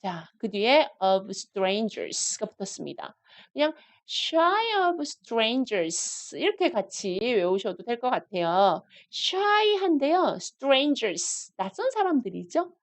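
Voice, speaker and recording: A woman teaching a live online English lesson, explaining phrases and leading slow, repeated pronunciation drills. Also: fairly high pitch, sing-song.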